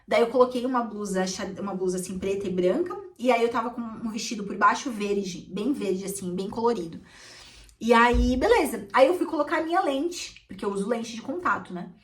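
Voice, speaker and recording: A woman from with a fairly high voice, sharing a personal story as a therapist. She talks in a heartfelt, emotional, confessional way and keeps checking in with her listeners. Her voice sits a little far from the microphone. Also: fairly quick. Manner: heartfelt and emotional, frequent "né" tags.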